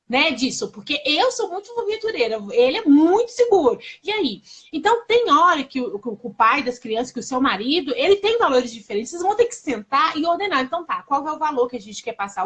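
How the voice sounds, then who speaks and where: A Brazilian woman in her thirties, hosting a casual conversation and sharing personal stories in a lively, confiding way, often turning to speak straight to listeners. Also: high-pitched. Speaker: host.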